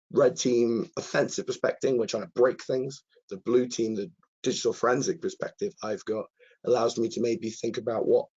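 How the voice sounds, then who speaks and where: Croaky, husky-voiced man presenting a webinar. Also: on the low side, warm tone, lo-fi sound. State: croaky, hoarse voice. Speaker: presenter, cyber security content author. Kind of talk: live webinar question-and-answer, casual professional.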